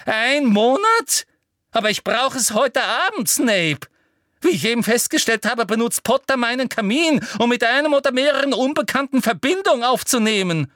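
A man's voice: medium pitch, big pitch swings, slow pace, few pauses, fairly bright tone, no room sound, studio quality. A man voicing a tyrannical older woman headmistress with a girlishly sweet voice that turns to shrieking. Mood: shrill anger.

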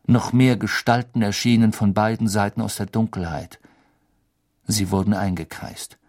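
Expressive male audiobook narrator. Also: on the low side, moderate pace. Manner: expressive, dramatic storytelling.

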